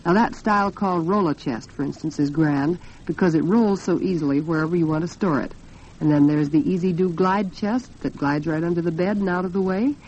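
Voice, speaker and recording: Earnest and articulate, the American woman presenting this 1940s women's radio program moves through commentary and a sponsor read with polish. Her darkish voice is on the low side and a little fast, captured in a dull lo-fi 1940s recording with slight background noise.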